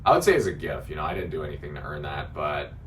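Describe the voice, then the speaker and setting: A man with a deep, resonant, articulate voice chatting casually to viewers in a reflective self-critique, halting as he thinks aloud. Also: very animated, a bit bright. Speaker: beginner stand-up comedian. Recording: distant mic, faint background noise.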